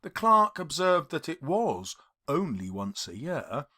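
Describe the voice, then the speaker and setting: A man with a fairly high, sing-song, sharp-toned voice reads slowly from a classic story. He is an English teacher doing scripted audiobook narration, with theatrical, emphatic phrasing and dramatic stresses.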